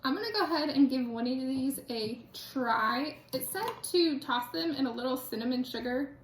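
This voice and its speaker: A young woman hosts a homey cooking video, chatty and quick to giggle, with plenty of "like" in her speech. Her voice sits high and bright, and it rings around a hard-surfaced kitchen. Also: expressive. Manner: chatty, laughs easily, says "like" often. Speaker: cooking channel host. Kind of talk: casual cooking vlog chat. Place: home kitchen. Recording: echoey kitchen.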